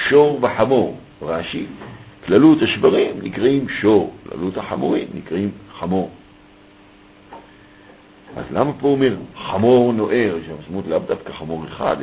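A man's voice: low voice, slightly rough. A man teaching a text study lesson, reading a passage aloud and then explaining it phrase by phrase. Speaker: Torah teacher. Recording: thin phone-like audio with faint ambience.

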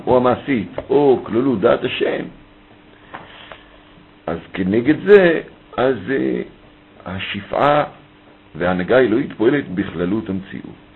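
A man's voice: fairly low pitch, vocal fry, slightly rough. A man teaching a text study lesson, reading a passage aloud and then explaining it phrase by phrase. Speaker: Torah teacher. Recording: thin phone-like audio with faint ambience.

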